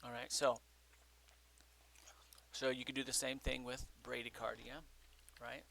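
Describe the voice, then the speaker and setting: A man's voice: mid-range voice, flat delivery, unhurried, vocal fry, bright, forceful tone, slight background noise. A man teaching a recorded lecture, explaining step by step with many fillers and frequent "okay?" checks.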